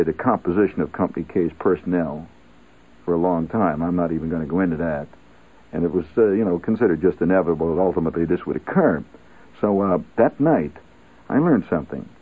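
A man's voice: low voice, breathy edge. A man on the radio telling a rambling comic army story with wry asides. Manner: wry, rambling anecdotal delivery. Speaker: radio monologuist. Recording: tinny lo-fi 1970s radio broadcast.

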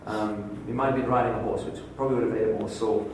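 A man preaching a sermon, telling a Bible story in a lively storytelling way and voicing the inner thoughts of its people. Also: lowish voice, fast, very echoey, recorded from a distance, a little hiss or hum, low-quality recording.

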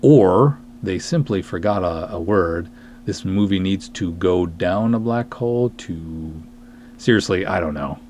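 His voice sits low and unhurried with a darkish tone, and some hiss or hum is audible. The speaker, a podcast host, writer and director, chats through a monologue and reads reviews aloud dramatically. He comes off wry, self-deprecating and emphatic.

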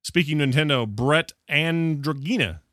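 A man's voice: a little high, normal speed, fairly bright tone, no echo, clean studio sound. A man hosting a casual podcast, chatting and reading listener emails aloud in a jokey way. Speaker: podcast host.

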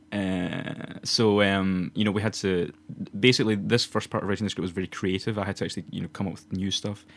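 A man's voice: low voice, fairly even intonation, fairly quick, gravelly. A Glaswegian man in his twenties, co-hosting a casual podcast chat, rambling and laughing often. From Scotland. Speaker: podcast co-host.

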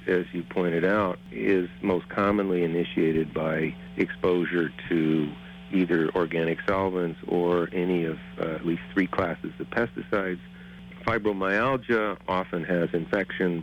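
Low-pitched male professor on a muffled, noisy line. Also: steady tone, normal speed. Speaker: biochemistry professor, interview guest. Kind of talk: explanatory expert interview.

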